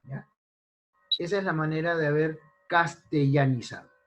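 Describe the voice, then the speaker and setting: A man's voice: a little high, fairly even intonation, fairly bright tone. A man teaching an online spelling class, listing example words one by one and checking in with his students. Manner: slow, deliberate, lists examples and checks in with "¿ya?". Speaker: language teacher. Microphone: computer mic in an online class.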